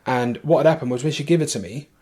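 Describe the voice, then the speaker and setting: A man with a London accent, a podcast guest telling a long story in a casual way, animated, swearing freely and restarting his sentences. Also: mid-range voice, quick pace, breathy edge.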